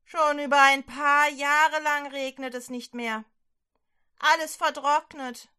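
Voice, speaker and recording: A woman's voice: flat delivery, slow pace, pushed and bright, exaggerated voice. A woman doing a wailing despairing old king. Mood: moaning. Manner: wailing, shrill and blaming.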